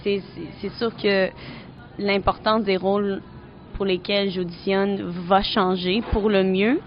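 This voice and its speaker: A woman's voice: medium pitch, flat delivery, a little slow, slight background noise. A Québécois woman actress talks through her career in a loose, chatty way, full of little fillers and restarts. Her voice sits in the middle range. The recording sounds a little dull and muffled. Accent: Québécois French. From Quebec City, Canada. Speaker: actress, interview guest. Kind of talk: casual interview answers.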